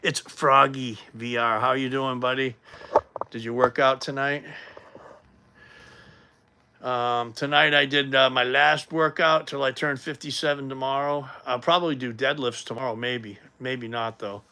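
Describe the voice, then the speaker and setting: A man chats loosely on a live stream, greeting viewers as they show up. His voice is bright and forward, and he rambles with frequent fillers. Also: medium pitch, fairly even intonation, unhurried, clear, resonant tone. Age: 50s. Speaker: livestream host. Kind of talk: casual live stream chat. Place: home gym.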